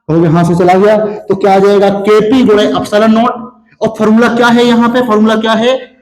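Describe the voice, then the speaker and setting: The sound is roomy and the recording rough as a young man with a high, slightly mellow voice teaches a physics class. He has a sore throat and is in a hot studio with a board and no air conditioning. He explains step by step, posing questions to the students that he answers himself.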